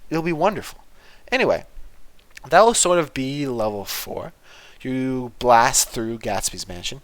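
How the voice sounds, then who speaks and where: A man chatting casually about his game plans in a rambling, filler-heavy way with deadpan absurd humor. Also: medium pitch, no echo. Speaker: game developer and video host. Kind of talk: casual devlog chat.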